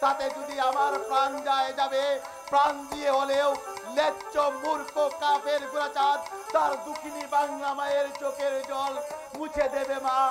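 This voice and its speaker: Very high-voiced, defiant young patriot. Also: male voice, monotone, moderate pace, music in the background. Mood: solemn, resolute. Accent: Bengali. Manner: declamatory, impassioned, formal. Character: young, earnest, defiant patriotic rebel hero. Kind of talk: historical Bengali jatra folk theatre acting.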